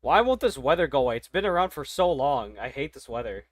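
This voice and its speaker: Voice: mid-range voice, big pitch swings, fast, no echo, studio quality. A young adult gaming streamer chatting casually and muttering reactions over gameplay.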